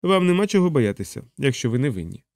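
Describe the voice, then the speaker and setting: A man's voice: high voice, sing-song, quick pace, a little mellow, dry recording, pitched above the performer's own voice. A man voicing a sly, sanctimonious male army major in an audiobook reading. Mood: snide reproach. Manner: snide, reproachful, mock-soothing.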